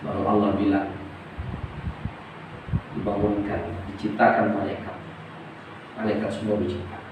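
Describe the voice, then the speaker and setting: A man preaching at a religious study gathering, telling stories in an animated way and joking with the audience. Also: fairly low pitch, normal speed, pauses often. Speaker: preacher teaching a religious text. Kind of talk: storytelling sermon at a study gathering. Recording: echoey hall, mic far off, ambient noise.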